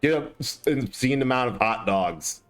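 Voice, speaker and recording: A man's voice: medium pitch, animated, normal speed, soft background music. A man streaming a game, chatting casually and laughing often as he jokes. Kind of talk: casual chat while gaming.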